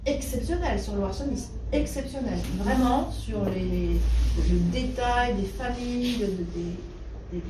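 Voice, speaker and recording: A woman's voice: on the high side, slow. A French woman historian and university lecturer, answering questions in a thoughtful, hesitant way. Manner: thoughtful, many hesitations and restarts. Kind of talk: conversational talk answering questions. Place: meeting room. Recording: roomy echo from a distance, noisy room.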